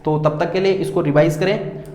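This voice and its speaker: A man's voice: fairly high pitch, steady tone, brisk, mellow. A man teaching a lesson to students, asking rhetorical questions while he draws and repeating key words. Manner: calls students "beta" and often says "theek hai". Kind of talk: classroom-style lesson. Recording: echoey room with faint ambience.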